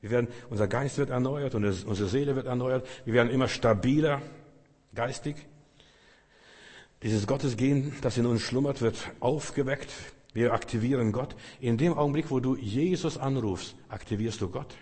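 A man preaching a sermon with emphasis, acting out loud prayers and cries for help. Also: medium pitch, normal speed, breathy edge. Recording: long reverb of a large hall.

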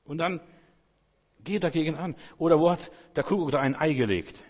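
A man delivers a fervent sermon, urging his listeners on and addressing them head-on. His voice is husky and sits a little high. It carries a long, lingering reverb, as in a large hall. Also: moderate pace, a little mellow. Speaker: preacher.

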